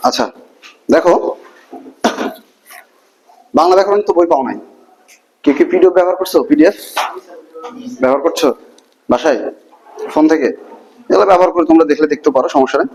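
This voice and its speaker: A man teaching a grammar lesson to a class, asking many quick questions in a casual, colloquial way. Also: on the high side, darkish tone, low-quality recording.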